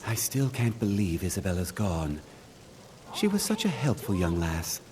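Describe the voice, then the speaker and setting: An actor playing a wistful, theatrical writer of dramas in a fantasy game. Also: male voice, fairly low pitch, moderate pace. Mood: mournful. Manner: theatrical, expressive. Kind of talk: video game character dialogue.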